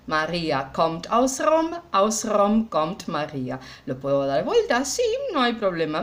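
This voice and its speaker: Lively woman teaching German. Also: on the high side. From Argentina. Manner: slows down to pronounce German example sentences; checks understanding with a frequent "¿ya?". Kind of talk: explaining grammar exercises in a recorded class.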